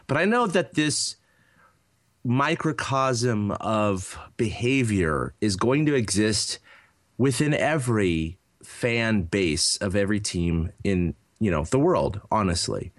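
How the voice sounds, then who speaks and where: A man's voice: lowish voice, animated, slow, dry recording, studio quality. A man in his thirties co-hosting a podcast, telling a rambling story in a casual chat, full of fillers and restarts. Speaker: podcast co-host.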